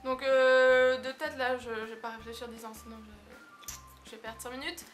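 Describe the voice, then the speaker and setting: A woman's voice: sits high, moderate pace, over music. A young woman chatting casually in a vlog, answering quirky questions with lots of fillers and easy laughter. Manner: chatty, relaxed, laughs often, many fillers. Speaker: beauty vlogger.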